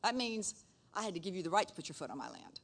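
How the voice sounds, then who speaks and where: A middle-aged woman, a pastor's wife, preaching a sermon with animated storytelling and playful asides. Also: fairly low pitch, fast. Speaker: pastor's wife and church leader.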